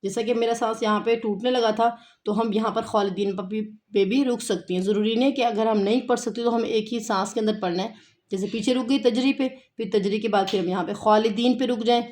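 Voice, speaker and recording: A woman teaching a tajweed lesson, explaining rules and slowly repeating words to show how they are pronounced. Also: fairly high pitch, darkish tone. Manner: patient, repeats words slowly to demonstrate pronunciation. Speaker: Quran recitation teacher.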